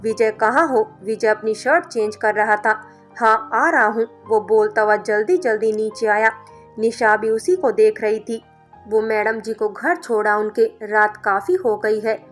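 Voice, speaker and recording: A woman reading a family story aloud as scripted narration, speaking every character's lines in her own voice. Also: medium pitch. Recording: narration with background music.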